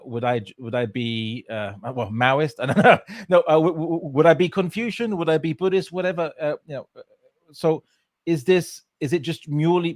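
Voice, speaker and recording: A man from England tells his story casually as an interview guest, hesitating often, filling gaps, restarting sentences, and laughing a lot. His voice is medium-pitched, and the studio-quality recording has no echo.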